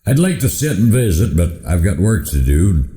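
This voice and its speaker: A man's voice: sits low, sing-song, normal speed, warm tone. A man voicing a proud, forgetful old rancher in a cowboy poem, with a folksy drawl. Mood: proud, rambling. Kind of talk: rhymed cowboy poem dialogue. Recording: roomy echoing hall.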